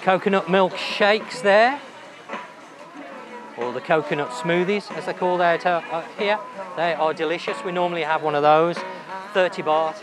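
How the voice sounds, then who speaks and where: Over music, a travel vlogger with a fairly high voice and moderate pace strolls through a busy outdoor night market, chatting keenly and thinking aloud about the food. He films with a handheld camera while walking, and the market noise is loud.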